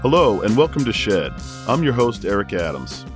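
A man hosting a podcast, a practicing therapist speaking in a calm, measured way. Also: on the low side, music in the background. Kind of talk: scripted intro then interview questions.

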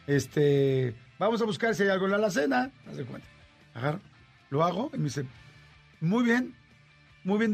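Animated Mexican man telling a story. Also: sits high. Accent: Mexican Spanish. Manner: animated, acts out dialogue with shifting voices. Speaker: radio host and voice actor. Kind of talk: casual storytelling chat.

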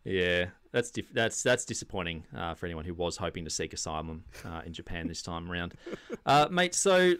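A man with a broad Australian accent and a fairly low voice co-hosts a comedy show. His casual satirical banter is deadpan and mock-serious. The recording is dry and close. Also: moderate pace, few pauses, clear, resonant tone, dry recording. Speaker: comedy podcast co-host. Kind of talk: casual satirical banter about sports news.

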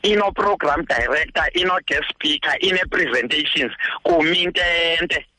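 A man's voice: on the high side, normal speed, sharp tone, no echo, rough recording. A man with a Xhosa accent, explaining traditional custom as a guest expert on talk radio.

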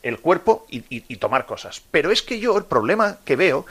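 A man's voice: a little high, fairly bright tone. A man in his fifties from Murcia, hosting a sports radio show and delivering an impassioned monologue, speaking straight to his listeners with rhetorical questions. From Murcia, Spain. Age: 50s. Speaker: radio host.

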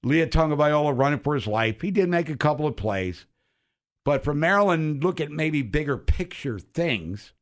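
A man's voice: a little high, lively intonation, normal speed. A middle-aged man hosts a sports radio show in a casual, conversational style. He has no teeth in, so his speech is toothless with a slight lisp. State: toothless, speaking without his dentures.

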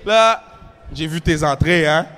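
A man's voice: a little high, measured pace, fairly bright tone, long reverb tail, a little hiss or hum. A man co-hosting a casual interview, playful and laughing, mixing in English slang. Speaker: podcast co-host.

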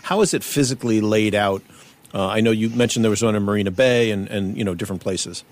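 A man's voice: lowish voice, fast. A man hosting a radio interview, asking guests questions in a conversational, informal way.

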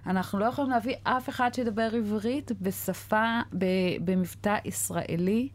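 Woman, Israeli accent, medium pitch, conversational, emphatic, repetitive for stress, interview guest. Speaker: casting director interviewed as guest.

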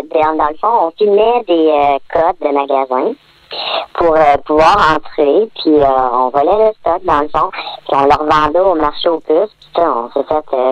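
A woman with a Québécois accent calls a radio show anonymously, her voice disguised deeper by a voice changer. She talks hesitantly, full of fillers. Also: normal speed, dry recording. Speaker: anonymous caller. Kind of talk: radio call-in confession. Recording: tinny phone line.

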